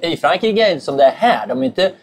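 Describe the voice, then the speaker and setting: Male podcast host, lively chatty storyteller, somewhat high-pitched, loose language. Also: a little hiss or hum. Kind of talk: casual podcast chat.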